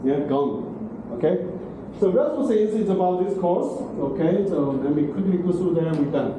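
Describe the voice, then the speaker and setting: "Okay?" and "right?" come up again and again as a middle-aged man lectures in broken English, his voice sitting high with lively intonation at a normal speed. The setting is a large classroom, recorded from afar by a room camera, very echoey and noisy.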